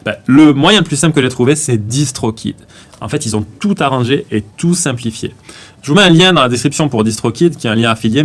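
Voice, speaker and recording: A man with a French accent giving a casual, slangy music-marketing tutorial, often pausing with fillers while walking through an upload. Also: mid-range voice. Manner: slangy, hesitant with many fillers while clicking. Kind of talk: casual screen-recorded tutorial.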